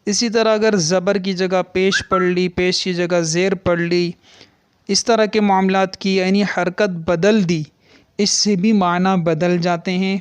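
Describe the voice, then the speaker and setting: A man's voice: sits high, level tone, clear, resonant tone, no room sound. A man teaching the rules of Quran recitation in an earnest, instructive way, sounding out letters to show the difference between them. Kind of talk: religious lesson on Quran recitation.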